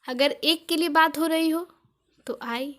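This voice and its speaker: A young woman with an Indian accent and a high voice explains English grammar for an online lesson. She goes slowly and patiently, repeating each point in several ways with everyday examples. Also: fairly bright tone. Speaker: English teacher.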